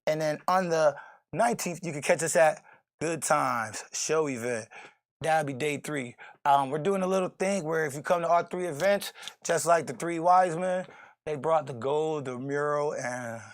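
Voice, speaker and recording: A man co-hosting a casual podcast, talking in a voice pitched a bit high for a man. He jokes around, swears freely and now and then breaks into shouting. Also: moderate pace. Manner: loud, joking, profane, swings to shouting. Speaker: podcast co-host.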